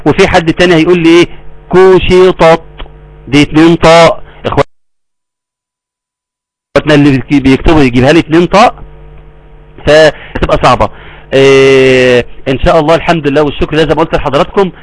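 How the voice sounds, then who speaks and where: A middle-aged man with an Egyptian accent leads a live recitation lesson. His voice sits a little high for a man. The sound is close and dry, with no room echo. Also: steady tone. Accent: Egyptian Arabic. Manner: explains, then draws verses out slowly. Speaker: Quran recitation teacher.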